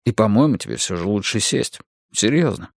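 A serious detective in an audiobook speaks in a steady, firm, low-key voice, as a male narrator voices him. The recording is dry and close-miked. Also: a little fast, vocal fry, dry recording.

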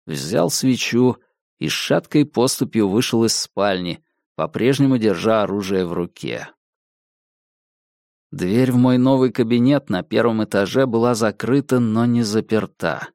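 A man reads a dark story aloud in a measured, somber and dramatic way. His voice sits at an ordinary middle pitch for a man. The recording is dry, with no room sound around him. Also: dry recording. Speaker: audiobook narrator. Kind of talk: scripted narration.

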